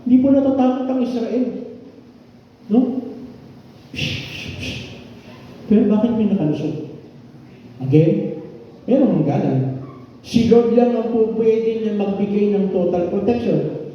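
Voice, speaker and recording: A man's voice: high voice, lively intonation, measured pace, pauses often, slight background noise. An older man preaching a Sunday sermon in a conversational way, often asking the congregation questions, in a church hall. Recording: echoey, dull hall sound from far off.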